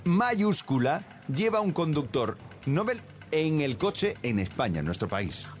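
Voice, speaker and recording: A man's voice: on the high side, very animated, measured pace. A man hosting a morning radio show with upbeat, playful game-show patter. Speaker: radio host. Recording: radio broadcast with music behind.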